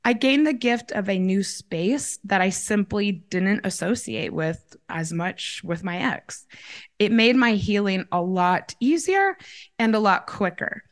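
A woman speaks as an upbeat advice vlogger and coach. She addresses her listeners directly and lays out her points in a tidy, encouraging manner. Her voice sits at an average pitch for a woman. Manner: encouraging, tidy step-by-step delivery. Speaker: relationship coach and show host.

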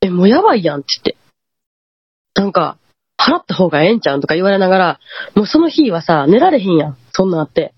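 This guest storyteller, who has a Kansai Japanese accent, tells a true ghost story casually and acts out the quoted lines with animation. Her lowish, breathy voice moves quickly but with long pauses, and the lo-fi recording is dull and dry with no room sound.

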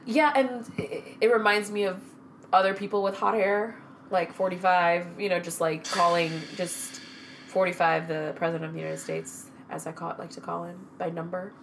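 A woman's voice: on the low side, flat delivery, gravelly, slight background noise. A young woman co-hosting a casual sports podcast, playful and joking. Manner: playful, joking, quick asides. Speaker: podcast co-host.

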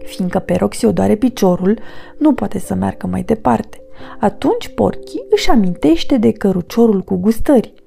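A woman reading a children's storybook aloud in a gentle, expressive way. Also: mid-range voice, vocal fry, faint music behind.

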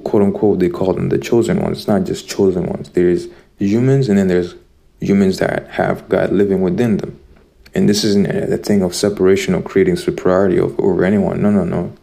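A man's voice: sits low, vocal fry, mellow. A man from Zimbabwe giving an earnest, preachy spiritual monologue straight to his listeners. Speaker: spiritual vlogger.

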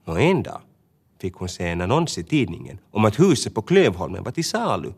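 Lively low-voiced male storyteller. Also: creaky, slightly rough. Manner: lively, expressive reading. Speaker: narrator. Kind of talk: storybook narration for children.

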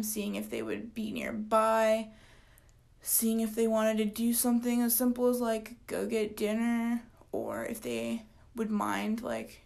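A young woman in her twenties talks through a casual solo podcast, sounding tired and a little yawny. Her voice sits slightly high with a gravelly, fry-edged texture. She rambles with plenty of fillers and lets her sentences fade off softly. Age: 20s. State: tired, yawning. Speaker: podcast host.

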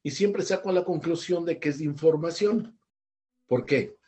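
Older mexican guy, kinda high voice, explaining stuff on a talk show with lots of examples. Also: normal speed, warm tone. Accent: Mexican Spanish. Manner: conversational, teaching with everyday examples, many restarts. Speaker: psychologist guest on a talk show.

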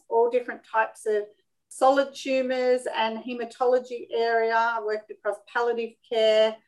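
A woman from Sydney in her fifties with an Australian accent, answering interview questions over a video call. Her voice sits a little high, and she talks in a measured, friendly way, pausing with small ums as she gathers her thoughts. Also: low-quality recording. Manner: warm, measured, with frequent ums. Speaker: occupational therapist guest. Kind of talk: interview conversation.

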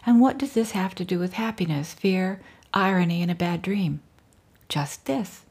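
A middle-aged woman reading aloud from her own memoir in a wry, dryly humorous way, often dropping into soft whispers. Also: lowish voice, moderate pace, slightly rough. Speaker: author reading her book.

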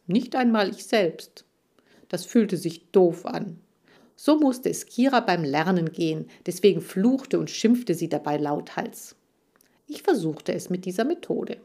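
A woman's voice: on the low side, lively intonation, measured pace, dark tone. Woman narrating a children's storybook. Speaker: audiobook narrator.

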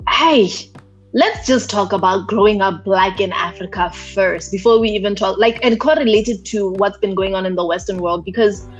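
A woman from Botswana co-hosting a podcast, talking casually with animated, expressive storytelling. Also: medium pitch, moderate pace, husky, lo-fi sound, soft background music. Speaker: podcast co-host. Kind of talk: casual chat.

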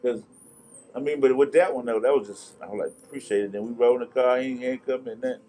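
A man from Charlotte, a rapper telling animated, slangy stories as a guest in a casual interview. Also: mid-range voice, fast talker, slight background noise. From Charlotte, North Carolina. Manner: animated storytelling, swearing, slangy. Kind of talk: casual conversation.

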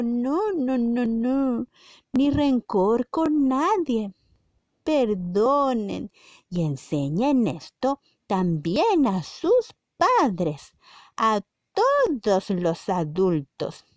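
An older woman telling a Bible story to children, gently and tenderly, then praying with them. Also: a little high, no echo.

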